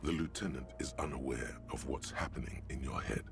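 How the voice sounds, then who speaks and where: A very deep, gravelly narrator inside a detective's head. He describes grim scenes in dark, vivid detail. Faint music sits behind him. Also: fairly quick. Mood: grim narration. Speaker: game narrator.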